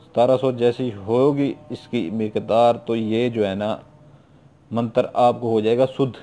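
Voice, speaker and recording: A man's voice: mid-range voice, steady tone, unhurried, warm tone, soft background music. A middle-aged man with a Pakistani Urdu accent, giving casual spoken instructions on his YouTube channel and repeating himself often. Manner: repetitive, informal, keeps adding "theek hai na". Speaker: YouTube occult practitioner.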